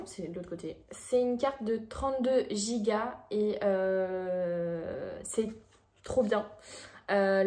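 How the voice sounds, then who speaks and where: A woman's voice: medium pitch, warm tone. A young woman from France chatting casually as she unboxes a new camera, rambling with many fillers. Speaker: vlogger.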